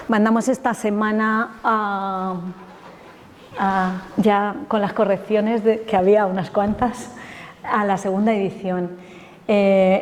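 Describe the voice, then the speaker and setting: A woman's voice: medium pitch, darkish tone, slight background noise. A woman lecturer, chatting enthusiastically and colloquially while taking questions after her talk. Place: lecture hall. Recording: long reverb of a lecture hall.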